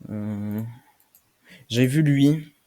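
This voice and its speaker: A young man commentating his own game play, swearing often and shouting when he loses. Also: medium pitch, extremely slow. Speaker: gaming streamer.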